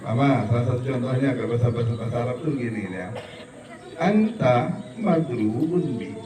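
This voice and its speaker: This middle-aged man talks at a racing clip in a medium, steady voice while a crowd murmurs in the background. It's a humorous religious lecture for students in a school hall, full of jokes and regional-dialect impressions in quoted bits, with a preachy push for them to keep growing. The hall echoes and he sounds far away.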